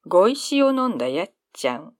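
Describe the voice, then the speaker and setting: A woman narrating a classic short story in a calm storytelling manner. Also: lowish voice, normal speed, no room sound, studio quality.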